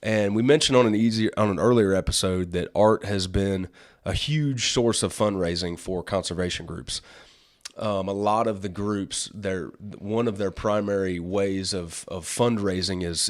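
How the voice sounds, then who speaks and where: Podcast host, male, 40s: deep smoker's rasp, hoarse from illness, casual conversational delivery. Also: moderate pace. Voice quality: raspy smoker's-style voice. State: sick, hoarse. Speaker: podcast host and wildlife artist.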